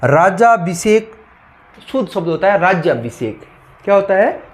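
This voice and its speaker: A man's voice: high-pitched, sing-song, normal speed. A man teaching a grammar lesson, calling out a word, asking what it is and answering himself over and over. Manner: drills word spellings with repeated questions and answers.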